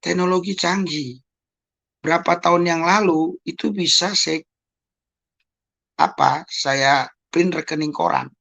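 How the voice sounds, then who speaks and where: A man's voice: fairly high pitch, fairly even intonation, unhurried, vocal fry, pauses often, pushed and bright. A man hosting his own channel, answering accusations in a monologue to his viewers, repeating pointed rhetorical questions. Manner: addresses listeners as "Saudara". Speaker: YouTube channel host.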